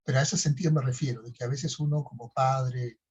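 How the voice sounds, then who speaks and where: A man's voice: mid-range voice, steady tone, a little fast, slightly rough, highs cut off. A man co-hosting a podcast, telling stories in a casual talk style and tagging his phrases with questions. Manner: conversational, tags phrases with "¿no?". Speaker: podcast co-host.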